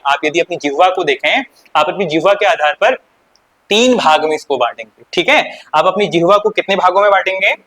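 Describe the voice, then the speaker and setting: A man's voice: high-pitched, a bit bright. A male teacher giving an exam-prep grammar lesson who asks questions and answers them himself, repeating key points. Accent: Uttarakhand Hindi.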